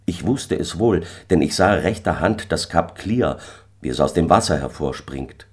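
A man narrating an old-fashioned tale in an expressive storytelling manner. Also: deep voice, moderate pace, slightly rough. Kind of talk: storybook reading.

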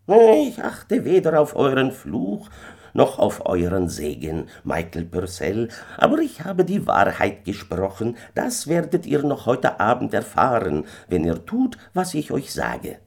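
A man voicing a sinister little old stranger from a fairy tale, speaking slowly and insistently in a raised voice. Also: wildly swooping pitch, gravelly, a little mellow, full character voice. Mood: commanding. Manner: slow, high, insistent pleading.

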